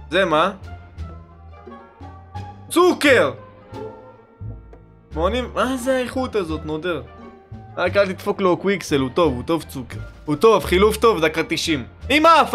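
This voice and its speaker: Hyped high-voiced young man. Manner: hyped, pleading, slangy, shouts at big pulls. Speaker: gaming YouTuber. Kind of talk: excited pack-opening commentary. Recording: music playing underneath.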